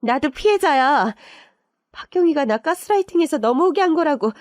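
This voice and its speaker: A woman voicing a cornered stepmother with a shrill, whining manner in a story reading. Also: expressive, moderate pace, dry recording, clean studio sound. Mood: pleading.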